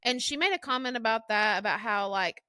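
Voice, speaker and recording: A woman's voice: fairly high pitch, a little fast, sharp tone, smooth. A young woman with a Missouri accent, a podcast co-host chiming in during casual chat. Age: young adult.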